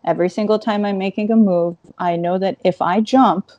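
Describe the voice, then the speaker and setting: A woman in her thirties, an interview guest, telling her career story in an animated way with quick asides. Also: mid-range voice, lo-fi sound, a little hiss or hum.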